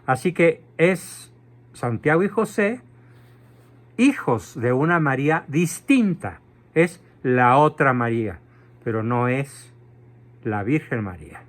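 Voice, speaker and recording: Slow, emphatic male catechism lecturer. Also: mid-range voice, expressive. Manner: emphatic, slow and deliberate, spells out terms. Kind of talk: doctrinal lecture.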